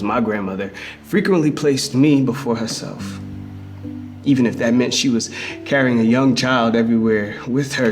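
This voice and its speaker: With music behind him, an actor speaks in a medium-pitched, natural voice as a reflective queer man fondly remembering his hustling grandmother. It's a dramatic memoir reading, a theatrical first-person monologue delivered conversationally, emphatic and paced with pauses and repeated words.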